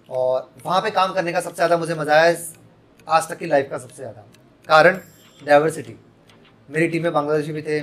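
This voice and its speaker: A man in his thirties, a podcast guest who talks frankly and with strong opinions, dropping English phrases into casual interview talk. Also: a little high.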